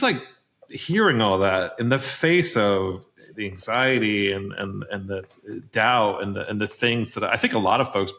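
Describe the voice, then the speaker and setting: A male podcast host with a fairly low voice and a sharp, bright tone. He asks long, winding questions full of restarts and slips into jokey riffs. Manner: playful and joking, rambling questions with restarts. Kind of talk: casual conversational interview.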